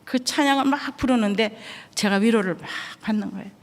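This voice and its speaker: A woman's voice: fairly high pitch, fairly quick. A middle-aged woman from Korea, a missionary giving an earnest, emotional church testimony. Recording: echoey church hall.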